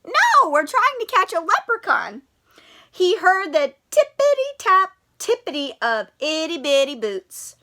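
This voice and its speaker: With a high, bright voice that swoops with lively expression, a woman teacher reads a picture book to young children. She stops often to ask them questions.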